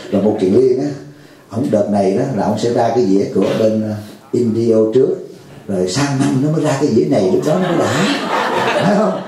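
A man's voice: medium pitch, fast talker, dark tone, very echoey, low-quality recording. A man giving a dharma talk to a lay audience, jovial and teasing, acting out a pleading caller. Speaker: Buddhist monk teacher.

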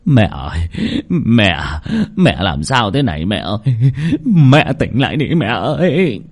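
A man doing a stammering, panicked son with a husky, low voice. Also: sing-song, takes it slowly, full character voice. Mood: wailing. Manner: stammering, wailing. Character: panicked middle-aged son, sobbing and stammering.

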